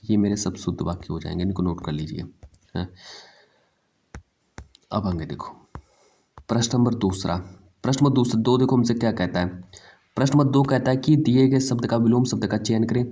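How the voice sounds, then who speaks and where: A man with a low, mellow voice runs through an exam-prep language lesson. He drills each word again and again and keeps calling the students "bhai". His delivery is easy and unhurried. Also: steady tone, husky. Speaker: teacher.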